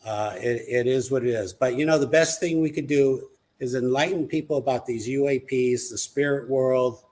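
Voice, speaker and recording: A man's voice: mid-range voice, normal speed, darkish tone. Earnest man, a show guest. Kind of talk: casual chat on a live online show.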